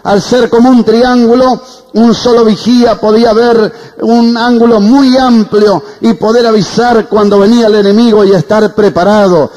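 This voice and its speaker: A man's voice: sits high, fairly even intonation, moderate pace, dark tone. A man preaching a sermon as pastor, fervent and calling the congregation to say amen. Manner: preaching fervently, asks for amens. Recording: reverberant hall.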